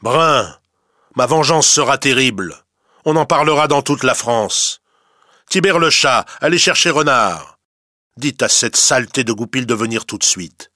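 A man's voice: medium pitch, lively intonation, unhurried, bright, forceful tone, no echo, clean studio sound, voice pushed up. A man voicing a furious, commanding male lion king in a storybook reading. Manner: commanding, vengeful.

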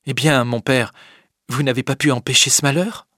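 A man's voice: mid-range voice, steady tone, moderate pace, a bit bright, no room sound, studio quality, close to an everyday voice. A man reading aloud who voices an earnest young daughter asking her father pleading questions. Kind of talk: audiobook reading.

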